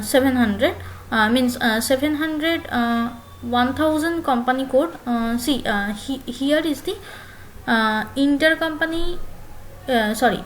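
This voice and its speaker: In a screen-share software tutorial, a female instructor talks through each step haltingly, filling pauses and repeating phrases. Her voice sits high, and the rough recording carries a little hiss or hum.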